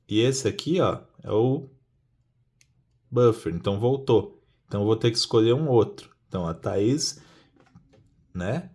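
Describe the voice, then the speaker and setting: A man's voice: lowish voice, darkish tone. A man explaining a puzzle-cube method step by step in a casual hands-on tutorial, often asking rhetorical questions.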